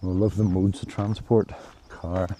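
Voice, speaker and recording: Speaking in a low-pitched, mellow voice with a level tone, a man vlogs a little slowly to his handheld camera during an outdoor walk in nature. The travel talk is rambling and hesitant, with many restarts, over slight background noise.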